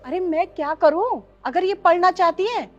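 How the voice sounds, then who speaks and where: A woman playing a bitter, contemptuous grandmother and mother-in-law who scolds her family with sharp commands, in a family short film. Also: very high-pitched, expressive, normal speed, highs cut off, soft background music. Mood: scolding. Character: harsh, bitter grandmother who scorns girls.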